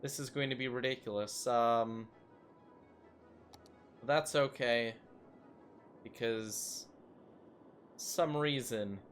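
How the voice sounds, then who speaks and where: A man's voice: mid-range voice, slow, long pauses, fairly bright tone, soft background music. A young man casually commenting while playing a city-building game, chatty and self-mocking, rambling into asides. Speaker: gaming YouTuber.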